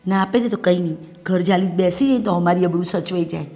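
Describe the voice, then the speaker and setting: An actress playing a middle-aged paternal aunt who sneers at and threatens a poor new bride in a family drama. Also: female voice, on the low side, fast talker, warm tone, big-room sound, lightly acted. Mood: threatening.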